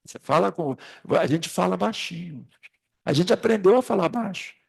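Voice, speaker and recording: Man, very gravelly, raspy, class facilitator, rambling anecdotes. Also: high-pitched, animated, normal speed, a little mellow. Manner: rambling, anecdotal, addresses the group directly. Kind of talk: informal spiritist study class. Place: classroom at a spiritist center.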